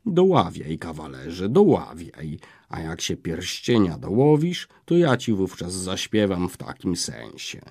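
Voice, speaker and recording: A man's voice: sits low, wildly swooping pitch, measured pace, creaky, dry recording, clean studio sound, heavily acted. A man doing a boastful old nobleman. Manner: boastful, loud. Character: boastful old nobleman, merry and self-praising.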